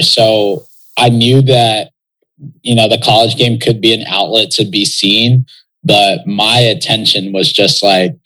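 With a fairly low voice that comes across pushed and bright, a young pro soccer player from Texas reflects loosely through a casual interview, dropping lots of fillers. The audio quality is poor.

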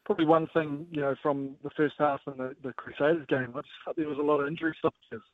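A man giving casual, measured sports analysis as a guest coach, often pausing with filler phrases. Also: fairly high pitch, steady tone, no echo. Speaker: rugby coach as guest pundit. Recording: narrowband phone-like line.

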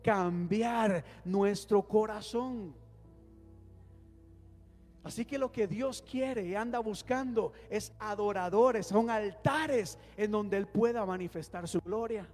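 High-voiced preaching man in a reverberant church. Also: measured pace, hardly any pauses, darkish tone. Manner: preaching with calls for response and prayer. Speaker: pastor. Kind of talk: sermon to a congregation. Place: church hall. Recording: long hall reverb with faint music.

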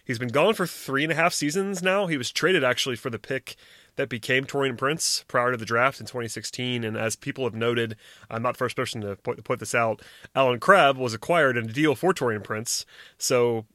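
A man's voice: medium pitch, brisk, sharp tone, no echo. Man hosting a sports podcast, dry sound. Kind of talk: casual sports talk.

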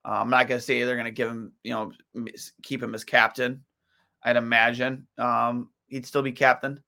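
Tired man with a gravelly voice. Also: mid-range voice, little pitch movement, normal speed, pushed and bright. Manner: rambling, filler-heavy with many restarts. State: tired, yawning. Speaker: sports podcast host. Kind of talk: solo sports podcast commentary.

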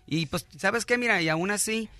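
A middle-aged man tells his own story as a radio guest, halting and restarting as he talks, earnest and grateful. His voice is bright and forward, recorded dry and close. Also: high voice, no room sound.

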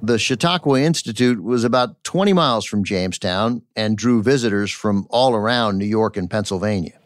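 A man's voice: lowish voice, normal speed, dry recording. A man hosting and narrating a scripted audio documentary. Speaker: podcast host and narrator. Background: faint music.

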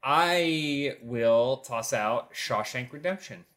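A man's voice: medium pitch, takes it slowly, a bit bright. A man co-hosting a casual group chat about movies, rambling and enthusiastic with lots of filler words. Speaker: podcast co-host.

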